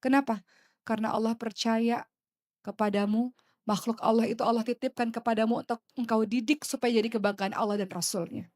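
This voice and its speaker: Woman in her thirties, passionate preacher, slightly high voice, moves from soft to loud. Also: fairly even intonation, fairly quick, no room sound, clean studio sound. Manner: impassioned, rhetorical questions, swings between hushed and loud. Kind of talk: religious talk to women.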